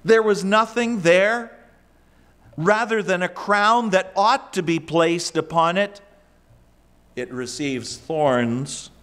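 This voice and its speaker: A middle-aged pastor preaches slowly and deliberately in a church sanctuary, his fairly high voice rising and falling for emphasis. He speaks into a lectern microphone, gesturing as he drives each point home. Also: clean tone. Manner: emphatic preaching with wide swings in pitch and loudness, gesturing. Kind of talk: sermon.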